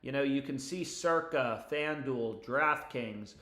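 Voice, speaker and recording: Speaking slowly in a mid-range voice that sounds pushed and bright, a young man hosts a livestream with betting picks. His casual chat is full of sweary frat-bro slang, and the indoor recording is roomy and echoey.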